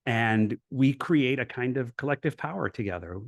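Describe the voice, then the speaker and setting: Animated and medium-pitched, with vocal fry and a moderate pace, a middle-aged former professor and coach from Los Angeles, USA, shares his life story as an interview show guest. His manner is earnest and reflective, full of restarts and "you know," in clean studio audio without echo.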